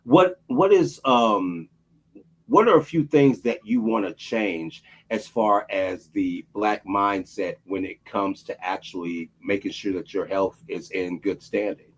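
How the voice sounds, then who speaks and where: A man's voice: on the low side, unhurried. A man hosting a casual interview, rambling with many fillers, his speech slightly muffled from dental work. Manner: rambling, heavy on "you know" fillers. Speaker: interview host.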